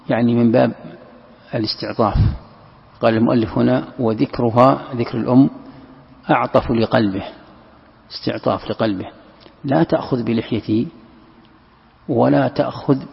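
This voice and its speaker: A male scholar explains a text in a lesson and often repeats words for emphasis. His voice is heavily gravelly and very husky. The dull, lo-fi recording carries a long reverb from the hall. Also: medium pitch, fairly even intonation, normal speed, long pauses. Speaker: Islamic scholar teaching Quran commentary. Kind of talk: classroom commentary lesson.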